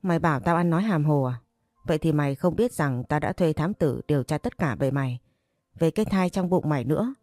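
A woman's voice: deep voice, lively intonation, brisk, warm tone, no echo, studio quality, faint music behind. Woman reading as a cruel jealous wife. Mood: threatening. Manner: taunting, menacing.

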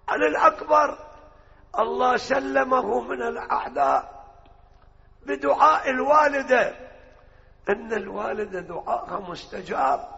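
A man's voice: extremely high pitch, creaky, sharp tone. A man with an Iraqi accent giving an impassioned mourning sermon, moving between speech and chanted lament. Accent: Iraqi Arabic. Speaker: religious orator. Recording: dull lo-fi audio with long hall reverb.

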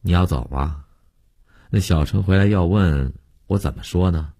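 A man voicing a resentful, sharp-tongued middle-aged female nanny who grumbles indignantly. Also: sits low, normal speed, vocal fry. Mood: cool.

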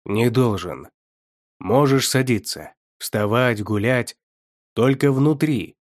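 A man voicing a bossy, hot-tempered male fox demon in an audiobook, gruff and growling. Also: medium pitch, expressive, takes it slowly, no room sound, studio quality. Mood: instructing.

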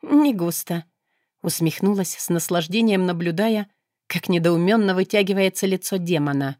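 A woman narrating a first-person audiobook in a lively, sarcastic and emotional manner. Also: lowish voice, moderate pace, no echo, studio quality.

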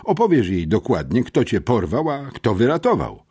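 A man reading an audiobook, voicing a calm, firm teenage boy detective. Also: medium pitch, moderate pace, breathy edge, exaggerated voice.

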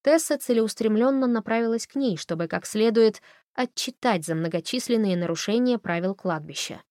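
A woman's voice: on the high side, animated, normal speed, a little mellow, no room sound. Woman narrating an audiobook, dry sound.

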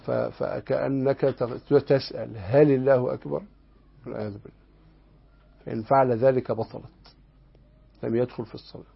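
A man's voice: mid-range voice, gravelly, breathy edge. A man with an Egyptian Arabic accent teaching a lesson on Islamic law, explaining a text and asking his listeners rhetorical questions. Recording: dull lo-fi lesson recording.

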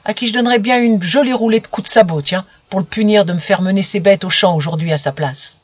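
A reader voicing a resentful twelve-year-old farm boy who talks loud, fast and scornful, in a storybook reading. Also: mid-range voice, animated, no room sound, highs cut off, lightly acted.

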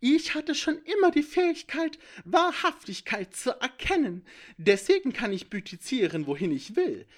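A man voicing a shrill, arrogant male villain who cackles and taunts in a manic way. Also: sing-song, moderate pace. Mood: gloating.

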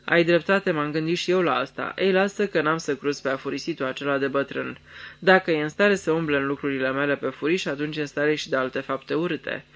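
A man's voice: fairly high pitch, fairly bright tone. A man voicing a cold, scheming young lord in a radio theatre reading, icy and commanding, flaring into thundering anger.

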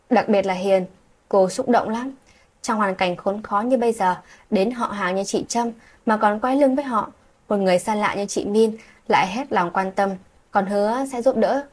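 A woman's voice: mid-range voice, darkish tone, breathy edge. A woman telling a late-night story aloud, reading every character's lines herself.

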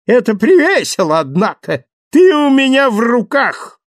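A man's voice: very high-pitched, big pitch swings, measured pace, no echo, studio quality, voice pushed up, heavily acted. A man voicing a greedy, vicious middle-aged innkeeper villain, gloating and snarling in an audiobook reading.

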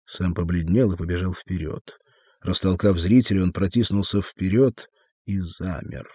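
A man narrating a literary novel as an audiobook reader, in an expressive, measured way. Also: low voice, breathy edge, no room sound, studio quality.

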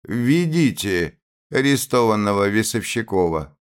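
A man's voice: on the low side, sing-song, measured pace, smooth, pitched above the performer's own voice. A man voicing a cold, contemptuous young officer who speaks in curt commands with sneering politeness.

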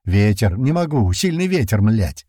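A man reading an audiobook, voicing an excitable male scout pilot who shouts coarsely over the radio. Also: mid-range voice, a little fast, no echo, studio quality, pitched above the performer's own voice, lightly acted. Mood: panicked. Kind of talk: audiobook character voice.

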